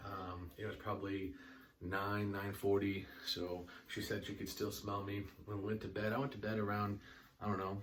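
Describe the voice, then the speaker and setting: A man's voice: lowish voice, distant mic. Chatty man reviewing a fragrance. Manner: chatty, enthusiastic, many fillers and restarts.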